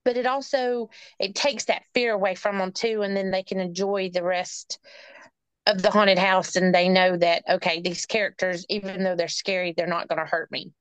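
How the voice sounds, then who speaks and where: Smooth-voiced woman telling a haunt story. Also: medium pitch, steady tone, moderate pace, fairly bright tone, no room sound, rough recording. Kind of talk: casual podcast chat.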